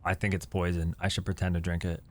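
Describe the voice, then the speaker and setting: A young man with a low voice commentating a game as he plays it. He reads the text aloud and jokes in a nervous way. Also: little pitch movement, fast. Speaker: gaming commentator. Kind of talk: let's-play commentary.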